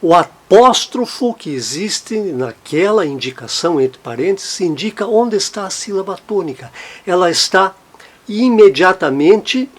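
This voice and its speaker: Homem professor, fala paciente e didática. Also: male voice, sits high. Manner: patient, repeats example words slowly. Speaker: German teacher. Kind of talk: explanatory lesson.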